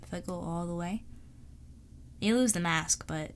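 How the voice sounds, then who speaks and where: A woman's voice: fairly low pitch, a little slow, slight background noise. A woman streamer, sick and sparing her voice, chatting casually and thinking aloud while she draws on a live stream. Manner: thinking aloud, rambling, laughs often.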